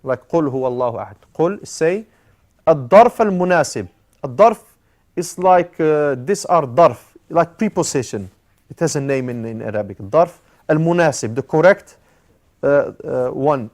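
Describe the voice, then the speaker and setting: Halting man teaching a classroom lesson. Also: on the high side, lively intonation, darkish tone. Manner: halting, with frequent "uh" fillers, mixing in Arabic terms; explains step by step, repeating key words. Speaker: Arabic teacher.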